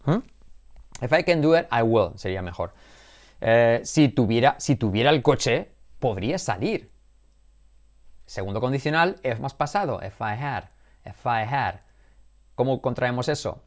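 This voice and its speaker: A man's voice: mid-range voice, expressive, measured pace, long pauses. A man teaching English in a live online class, chatty and joking as he explains. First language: Spanish. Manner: chatty, explains with jokes and asides.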